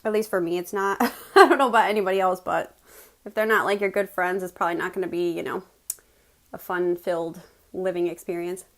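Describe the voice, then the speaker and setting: A woman from West Virginia with an American accent tells personal stories in a casual, chatty way to viewers, pausing to chew as she eats. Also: lowish voice, fairly even intonation. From West Virginia, United States. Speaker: mukbang host telling personal stories.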